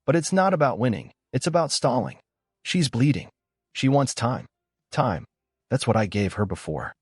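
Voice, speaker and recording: Husky-voiced man narrating a calm story. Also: mid-range voice, normal speed, dry recording, clean studio sound. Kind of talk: scripted first-person narration.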